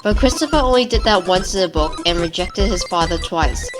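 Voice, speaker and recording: A woman's voice: lowish voice, expressive, brisk, music in the background. A young woman arguing her points in an informal book debate, reasoning through examples. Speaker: student debater.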